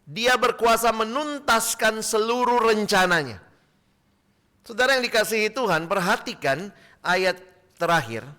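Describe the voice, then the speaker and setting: Bright-voiced male pastor telling a story. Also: high-pitched, measured pace, clean tone. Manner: lively storytelling that acts out the people in the story. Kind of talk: sermon. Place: church.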